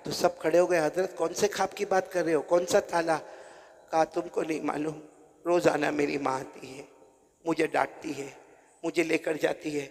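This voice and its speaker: A male preacher telling a story in a sermon, swinging from soft murmurs to shouted peaks and calling listeners his dear ones. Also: fairly high pitch, steady tone, normal speed. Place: village gathering. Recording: echoey hall reverb.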